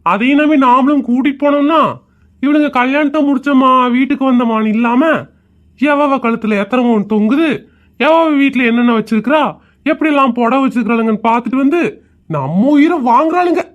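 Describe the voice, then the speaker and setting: A man's voice: extremely high pitch, fairly quick. A man performing a teasing, mocking husband in a comedy sketch. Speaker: comic sketch actor playing a husband. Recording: dull lo-fi audio.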